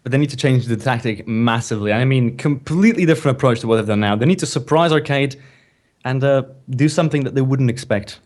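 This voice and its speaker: A man's voice: medium pitch, fast, a little mellow. A man co-commentating a live online tank tournament. He talks in an analytical way and calls out tactics. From Slovenia. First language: Slovenian.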